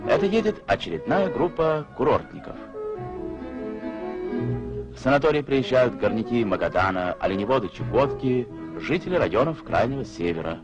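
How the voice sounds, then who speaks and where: A man's voice: medium pitch, highs cut off. A man reading the narration of an old 1950s newsreel in a solemn, declamatory manner. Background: plucked guitar music.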